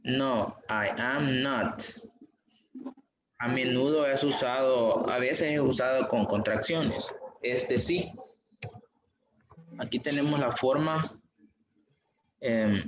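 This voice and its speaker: A man teaching an online English class, patient and slow, going over each example again. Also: medium pitch, fairly even intonation, slight background noise. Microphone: video call. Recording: dull, echoey room audio.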